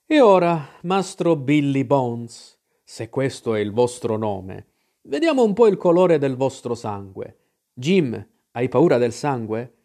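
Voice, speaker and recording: A man voicing a brisk country doctor who dismisses fuss and gives firm orders. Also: medium pitch, sing-song, warm tone. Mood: commanding. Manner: brisk and commanding.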